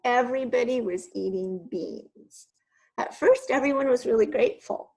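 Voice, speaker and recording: A woman reading a children's story aloud, with lively asides and "um"s to her young listeners. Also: fairly high pitch, moderate pace, gravelly, rough recording.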